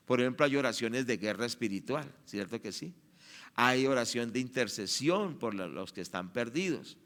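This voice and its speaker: A male pastor preaching a sermon in a conversational way, checking in with the congregation and acting out prayers, from loud cries to soft murmurs. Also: medium pitch. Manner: conversational preaching, asks the congregation "¿cierto que sí?"; acts out prayers, shouting some, murmuring others. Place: church sanctuary. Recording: long church-hall reverb.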